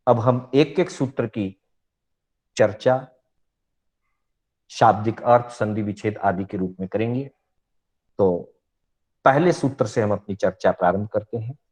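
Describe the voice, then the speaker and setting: A man teaching Jain scripture, slowly reciting Sanskrit sutras, repeating each one, and patiently explaining them to his listeners. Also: on the low side, a little mellow. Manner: patient, addresses listeners as brothers.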